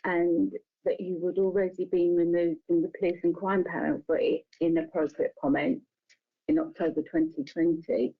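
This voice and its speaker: A woman with a lowish voice questions a councillor at a formal hearing, pausing as she builds her question. The sound is tinny and narrow, as if over a phone line. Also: level tone. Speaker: committee member.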